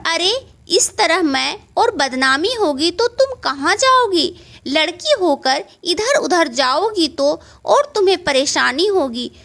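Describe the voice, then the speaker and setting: Brief: female narrator voicing a worried kind father, high and animated. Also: slow pace, creaky, full character voice.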